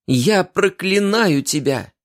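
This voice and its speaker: Man voicing a heartbroken young woman, shrill. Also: animated, takes it slowly. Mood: furious. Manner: tearful, pleading, shrill outbursts.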